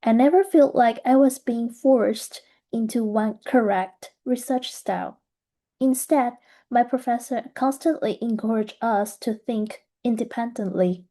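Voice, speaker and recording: Mellow-voiced woman presenting her studies. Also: fairly high pitch. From Taiwan. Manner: measured, earnest, reflective. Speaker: graduate student presenter. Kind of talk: scripted presentation.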